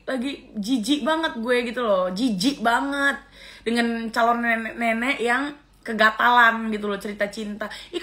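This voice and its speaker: A woman's voice: fairly high pitch, sharp tone. A middle-aged woman vlogger ranting casually and scornfully, with frequent exclamations of disgust. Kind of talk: casual reaction rant.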